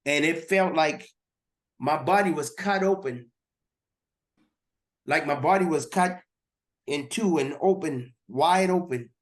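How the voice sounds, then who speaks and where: A man's voice: fairly high pitch, takes it slowly, pauses often. A man giving a personal testimony as a guest, earnest and repeating words as he goes.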